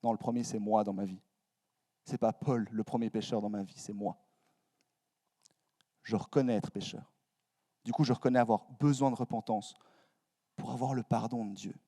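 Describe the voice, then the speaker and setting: A man's voice: on the low side, fairly even intonation, normal speed, pauses often, dark tone. A young man preaching a sermon in a church hall, casual and self-mocking, with slangy asides. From Switzerland.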